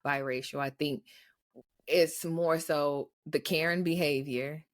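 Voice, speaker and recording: An American woman chatting casually as a podcast co-host, reasoning in a halting, repetitive way. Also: deep voice, steady tone. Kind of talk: casual chat.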